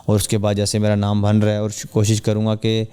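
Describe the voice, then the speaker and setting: Earnest young man with a smooth low voice. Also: completely flat delivery, mellow. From Pakistan. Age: young adult. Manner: earnest, measured, with hesitant fillers. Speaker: cricketer guest. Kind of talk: podcast interview.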